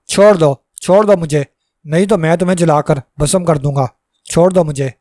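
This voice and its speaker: A man's voice: a little high, dark tone, no room sound, close to an everyday voice. A man voicing a tiny, bald male dwarf priest who screams his threats in anger, in a read-aloud storybook. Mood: furious.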